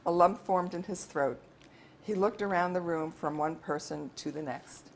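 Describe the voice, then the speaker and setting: A woman co-author reading her novel aloud at a bookstore event in a steady, measured narration. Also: lowish voice, slight background noise.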